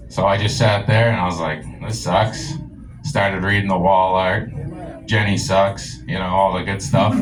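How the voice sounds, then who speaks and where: A young man from the rural US doing a stand-up set in a comedy club, telling crude stories with a deadpan delivery. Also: fairly low pitch, poor audio. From rural United States.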